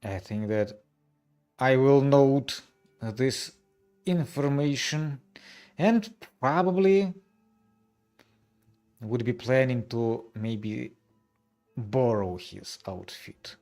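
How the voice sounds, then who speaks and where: A man's voice: mid-range voice, expressive, drawn-out words, long pauses, darkish tone, faint music behind. A man playing a tabletop game, describing his character's actions in a casual, hesitant way.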